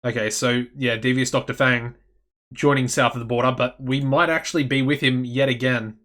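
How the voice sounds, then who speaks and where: An Australian man chatting casually as he plays a management game, thinking aloud and getting excitable. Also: mid-range voice, normal speed. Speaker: gaming channel host.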